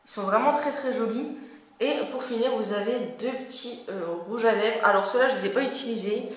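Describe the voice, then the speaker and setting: A woman's voice: fairly high pitch, brisk. Chatty woman in a very echoey room. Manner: chatty and hesitant, many fillers. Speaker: beauty vlogger. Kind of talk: casual makeup review.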